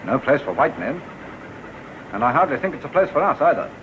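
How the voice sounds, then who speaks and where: An actor playing a commanding ship's gentleman with a crisp, authoritative delivery in 1940s film style. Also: fairly high pitch, big pitch swings, fairly quick. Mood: brisk. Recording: dull, hissy old film soundtrack.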